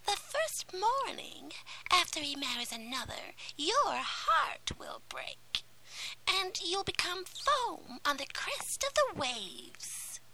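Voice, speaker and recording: A woman voicing a scheming old female sea witch in a whispered role-play fairy tale, shrill and drawn out. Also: wildly swooping pitch, takes it slowly, creaky, bright, forceful tone, a little hiss or hum, full character voice, rough recording. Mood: demanding.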